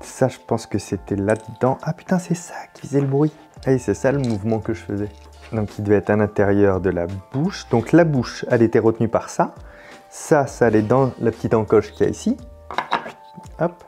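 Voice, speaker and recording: A French man hosts a puzzle video, thinking aloud casually as he works, cracking jokes and swearing mildly when surprised. His voice is fairly low, expressive, fairly quick and mellow, with faint music behind him.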